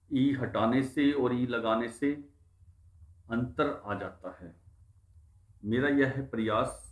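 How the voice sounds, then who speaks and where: A man's voice: mid-range voice, echoey room. A man teaching English pronunciation in Hindi. He spells words out letter by letter and then explains what they mean. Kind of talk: Hindi-language pronunciation lesson.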